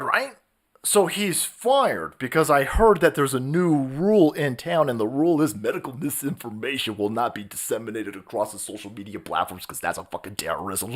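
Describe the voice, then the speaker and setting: A man on a live stream, ranting in a profane, mocking way and laughing often. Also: a little high.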